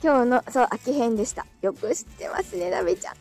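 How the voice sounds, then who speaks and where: A woman's voice: high voice, animated, fast talker, vocal fry, a little mellow, faint music behind. A woman hosting a casual live audio stream, chatting, reading out listener comments and laughing often, with a dry throat.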